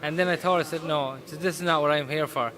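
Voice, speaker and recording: A male boxer with a Mayo, west of Ireland accent speaks in a high voice. He talks casually and earnestly, circling back over phrases. There is clear busy gym noise behind him. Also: fairly even intonation, a little fast, a crowd in the background. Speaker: professional boxer being interviewed. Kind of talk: casual interview answers. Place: indoors in a boxing gym.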